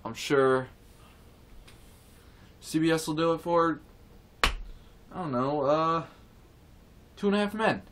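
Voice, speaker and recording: A man's voice: on the high side, slow, long pauses, noisy background. A man ranting to camera in a casual video, rambling and repeating himself, with many restarts, indignant and earnest. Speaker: vlogger. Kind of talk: casual opinion rant to camera.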